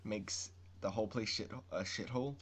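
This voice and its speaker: A man's voice: fairly low pitch, normal speed, a crowd in the background. A man chatting on a gaming podcast, trading dry, joking banter. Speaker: podcast co-host. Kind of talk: casual gaming podcast chat.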